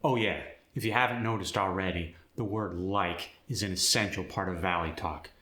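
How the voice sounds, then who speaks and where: Male instructor, lowish bright voice, explanatory scripted lesson delivery, echoey room. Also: brisk. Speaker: accent instructor. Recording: roomy echo.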